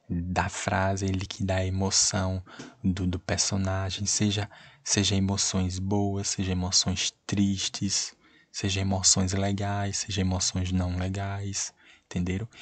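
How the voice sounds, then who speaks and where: A low-voiced man with a Brazilian Portuguese accent teaches an online class, recorded with no room sound. He explains things repeatedly and keeps checking that his students understand.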